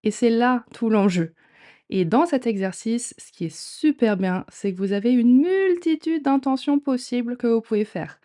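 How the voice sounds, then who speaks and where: A woman's voice: fairly high pitch, expressive, moderate pace, mellow. A woman hosting a podcast, explaining things in an informal, upbeat, chatty way. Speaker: podcast host, trainee sophrologist. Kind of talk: casual chat explaining a breathing exercise.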